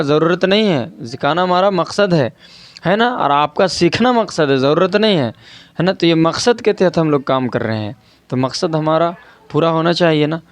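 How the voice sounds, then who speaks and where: A man's voice: fairly high pitch, no echo. A man teaching an online Quran reading lesson, patiently repeating and stretching out syllables and asking his students rhetorical questions.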